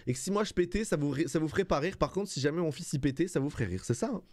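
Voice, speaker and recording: A man's voice: a little high, expressive, rapid-fire, a little mellow, no echo. Playful man cooing at his baby. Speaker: streamer. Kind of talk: casual live-stream chat.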